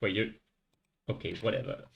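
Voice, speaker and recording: A young man from France, his French accent light, streams himself coding, musing aloud and talking with viewers in a relaxed way. He speaks at a moderate pace in a bit of a bright voice.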